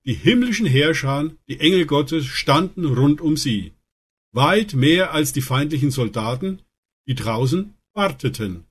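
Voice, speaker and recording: A man narrating Bible stories in a calm, earnest way, lifting his voice for the quoted lines. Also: fairly high pitch, unhurried, husky. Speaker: Bible storyteller. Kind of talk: scripted Bible story narration.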